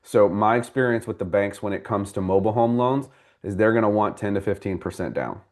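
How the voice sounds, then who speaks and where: A man with a fairly low voice leads a live class on buying a home. He works through audience questions one by one in a relaxed, conversational way, calling people by name as he explains. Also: fairly quick. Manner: conversational, explains step by step and addresses viewers by name. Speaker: mortgage broker and class host.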